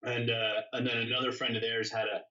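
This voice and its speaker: Speaking fairly quickly at medium pitch with little pitch movement, an England-born, Canada-raised custom motorcycle builder chats as an interview guest. His voice is bright and forceful, and his storytelling rambles, self-corrects, and pokes fun at himself, often doubling back on his words. The sound is dull and slightly far from the microphone.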